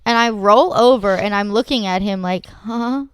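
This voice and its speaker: A woman's voice: mid-range voice, moderate pace, smooth. A young woman hosting a casual chat with her father, teasing him and laughing often. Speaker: podcast host interviewing her father.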